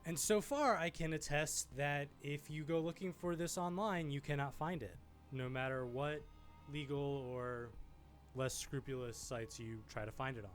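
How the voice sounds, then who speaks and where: Over background music, a man with a fairly high voice hosts a video essay at a moderate pace. His film commentary is informal, enthusiastic and conversational.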